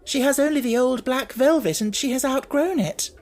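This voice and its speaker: A man's voice: very high-pitched, moderate pace, voice pushed up. A man voicing a timid, flustered woman, nervous and fretful, as the anxious sister in an audiobook story. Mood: bewildered.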